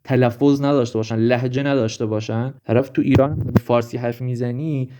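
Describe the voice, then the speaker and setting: A man's voice: medium pitch, fairly even intonation, noisy background. A man talking casually in a vlog, animatedly listing example after example. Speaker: vlogger. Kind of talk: casual monologue.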